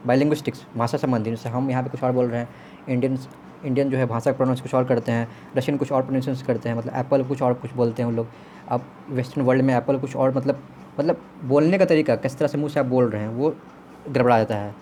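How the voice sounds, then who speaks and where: A man teaching literary theory, reading English lines slowly and then explaining them quickly in Hindi, often checking in with his students. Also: mid-range voice, steady tone, warm tone, slight background noise. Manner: frequent check-ins and self-corrections.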